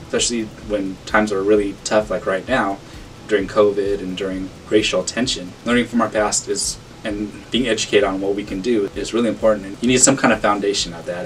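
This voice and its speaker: A man's voice: lowish voice, steady tone, brisk. A man from Sacramento, a board member, speaking to camera in an earnest, conversational way from a small office. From Sacramento, California. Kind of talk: casual reflection to camera. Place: small office room with banner. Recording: distant mic with faint room hum.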